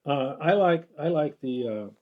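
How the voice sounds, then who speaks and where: A man's voice: a little high, expressive, unhurried, phone-quality sound. A middle-aged man hosting a gardening video, chatting casually and sometimes stumbling over his words. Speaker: gardening channel host. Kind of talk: casual chat.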